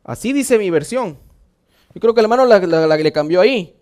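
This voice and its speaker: A male pastor preaching a sermon in a church, swinging from loud calls to hushed, slow emphasis. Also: sits high, animated. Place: church sanctuary.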